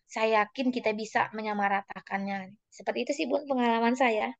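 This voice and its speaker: Indonesian woman teacher, high lively voice, dull dry call audio; webinar speaker acting out pupils. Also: a little fast, gravelly, dry recording. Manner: lively, acts out classroom dialogue. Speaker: teacher sharing classroom experience. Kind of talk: webinar talk.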